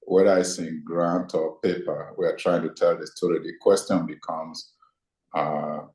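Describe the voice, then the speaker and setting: A man, a guest scholar answering interview questions in a measured, reflective way. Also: a bass voice, flat delivery, a little mellow. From Nigeria. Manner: measured, thoughtful, deliberate. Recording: echoey room sound.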